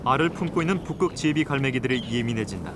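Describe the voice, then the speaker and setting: A man reading scripted nature documentary narration in a measured, formal broadcast style. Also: medium pitch, lively intonation, noisy background. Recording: loud music bed under voice. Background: prominent background music.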